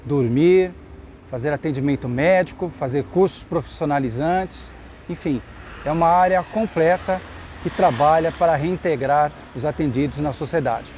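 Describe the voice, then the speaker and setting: A man opens his vlog with an upbeat, clear presenting voice, pitched a little high. Faint street and car noise sits behind him outdoors. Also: moderate pace, a little mellow. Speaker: vlog reporter, host. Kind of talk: scripted vlog intro.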